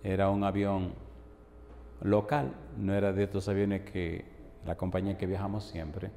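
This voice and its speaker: A man's voice: deep voice, steady tone, moderate pace, mellow. A male pastor preaching a sermon, telling a story and rising to fervent appeals. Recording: echoey hall with faint noise.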